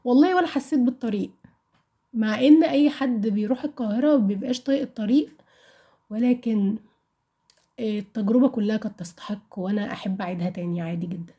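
Young Egyptian woman, mellow higher-pitched voice. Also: fast, highs cut off. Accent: Egyptian Arabic. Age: around 20. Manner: candid, conversational, asks rhetorical questions and answers them. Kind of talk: casual personal storytelling and reflection to listeners.

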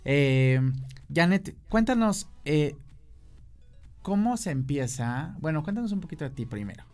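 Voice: mid-range voice, lively intonation, measured pace, darkish tone, soft background music. Voz mexicana efusiva, conduciendo un programa. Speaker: talk show host. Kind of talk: casual conversational hosting.

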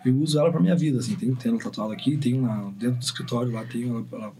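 A man's voice: medium pitch, very fast, mellow, slight background noise, poor audio. A man with a Brazilian Portuguese accent telling stories casually in an interview, informally repeating and rephrasing as he goes. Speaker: interview guest, designer and videographer. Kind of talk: casual conversational storytelling.

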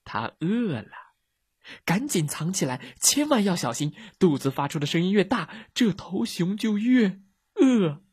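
A man voicing an excitable male rabbit who reads eagerly from his book in a children's story. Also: high-pitched, measured pace, husky, no echo, clean studio sound, pitched above the performer's own voice, heavily acted. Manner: reads loudly and dramatically from his book, drops to a whisper when hushed.

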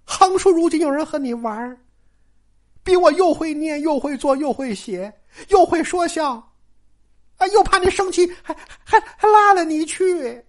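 A woman putting on a high, hurt young girl. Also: expressive, moderate pace. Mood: hurt, reproachful. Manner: reproachful, sulky, stammering in upset. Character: young girl, sharp-tongued, hurt and jealous.

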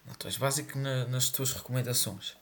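A man's voice: mid-range voice, fairly quick, slight background noise. A young man with a European Portuguese accent, chatting informally in slang as a podcast co-host. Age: young adult. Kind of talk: casual chat.

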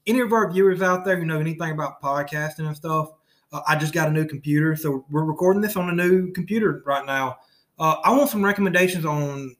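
Higher-voiced man with a lisp. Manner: rambling, repeats words, says dude and man. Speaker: podcast co-host. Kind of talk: casual chat.

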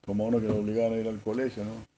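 A man, a spiritual teacher preaching a sermon, moving from soft asides to emphatic stressed words and clearing his throat often. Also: on the low side, monotone, racing, highs cut off, a little hiss or hum.

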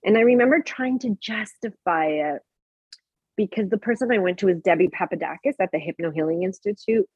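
A woman in her thirties telling a candid personal story in a podcast conversation, animated, acting out remembered dialogue. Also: medium pitch, fairly quick, breathy edge, no room sound, highs cut off. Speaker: podcast guest.

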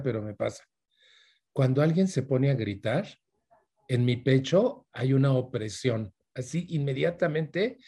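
A man's voice: medium pitch, a little mellow, husky. A man with a Mexican Spanish accent gives a conversational talk to a live audience, speaking straight to his listeners and weaving in stories from his own life. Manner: addresses listeners directly, mixes in personal stories. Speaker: speaker giving a talk on parenting.

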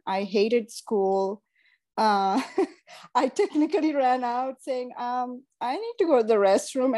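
A woman from Sri Lanka, a guest telling her life story in a relaxed, rambling way with many restarts. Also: medium pitch. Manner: rambling, with frequent restarts and ums. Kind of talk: casual interview storytelling.

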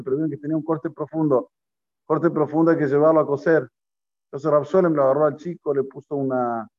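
A man teaching a Torah class, telling stories and putting questions to his listeners. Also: fairly high pitch. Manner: storytelling, poses questions to listeners, mixes in Hebrew terms. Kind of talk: Torah class to a live group. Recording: lo-fi recording.

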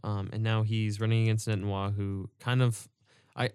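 A man's voice: on the low side, flat delivery, moderate pace, darkish tone, clean tone, dry recording, studio quality. A young man co-hosting a podcast who introduces topics in a casual, hesitant way with fillers. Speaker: podcast co-host. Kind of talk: casual political discussion.

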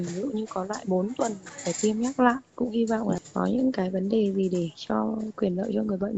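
Woman patient talking plainly, gravelly mellow voice, muffled recording with a bit of hiss. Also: mid-range voice. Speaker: patient interviewee. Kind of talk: casual interview answer. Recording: dull lo-fi recording with faint noise.

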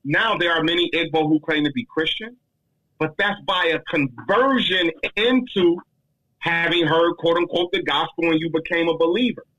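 A man in a casual discussion, talking in an emphatic, slangy, animated way as he answers a question. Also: a little high, normal speed, highs cut off.

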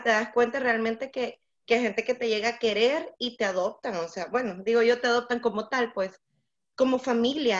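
A woman from El Salvador chatting as a guest, reflective and rambling. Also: fairly high pitch. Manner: reflective, talks in loose rambling sentences. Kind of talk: casual chat. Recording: dull lo-fi audio.

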